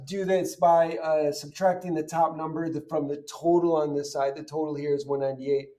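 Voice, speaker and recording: Far from the mic, a man with a fairly high but dark-toned voice teaches chemistry informally. He works through examples step by step, raising questions and then answering them himself.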